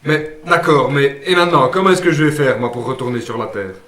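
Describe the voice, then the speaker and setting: A man's voice: medium pitch, lively intonation, brisk, a bit bright, lightly acted. A man voicing a cheeky, naive working-class puppet man from Liège with a Liège accent, folksy and full of "hein", in a puppet radio play. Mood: puzzled. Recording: roomy sound, mic at a distance.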